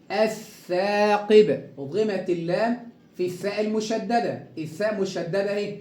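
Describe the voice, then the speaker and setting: A man with an Egyptian accent and a high voice teaches recitation rules in an echoey room. He poses questions, answers them himself, and stretches each example word slowly. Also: darkish tone. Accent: Egyptian Arabic. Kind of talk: tajweed lesson.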